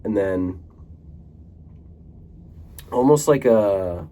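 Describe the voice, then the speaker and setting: A man's voice: on the low side, animated, very slow, warm tone. A young man talking casually to camera in a rambling monologue, full of fillers, restarts and casual swearing. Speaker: vlogger.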